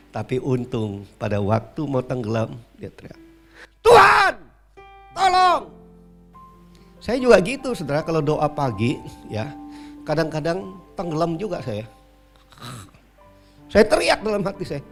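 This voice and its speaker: A man preaching a sermon at a church service, telling a story with lively acted-out moments and calling out to the congregation. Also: mid-range voice. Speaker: pastor.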